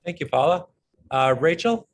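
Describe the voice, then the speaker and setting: Brisk, polite man running a meeting. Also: on the high side, lively intonation. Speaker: meeting facilitator.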